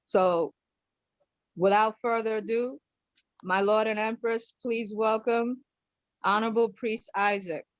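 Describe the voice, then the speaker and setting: A high-voiced woman makes a formal, ceremonial introduction as host, taking her words slowly. The sound is dry and somewhat muffled, with a lo-fi dullness. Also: fairly even intonation, no echo. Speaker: host introducing the next speaker. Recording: dull lo-fi audio.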